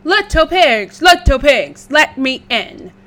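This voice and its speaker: A woman voicing a greedy, boastful wolf who makes loud, menacing demands. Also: high-pitched, very animated, slow, voice pushed up, full character voice.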